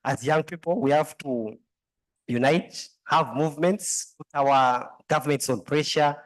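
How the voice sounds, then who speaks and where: A man's voice: a little high, unhurried, low-quality recording. A man making earnest, insistent remarks at a conference panel, repeating his key points. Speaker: panel speaker.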